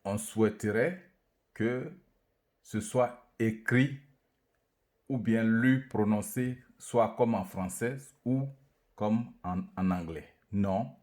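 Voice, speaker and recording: A man giving a lecture on a new alphabet, speaking slowly and deliberately and repeating syllables to demonstrate their sounds and tones. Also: fairly low pitch, a little mellow. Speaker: language teacher presenting an alphabet. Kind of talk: lecture with slow syllable-by-syllable reading drills.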